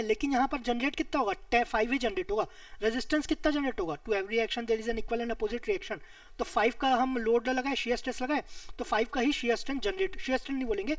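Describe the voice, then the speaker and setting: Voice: mid-range voice, no echo, recorded from a distance. A civil engineering exam tutor giving a whiteboard lecture, explaining step by step, repeating key terms and mixing English technical words into Hindi.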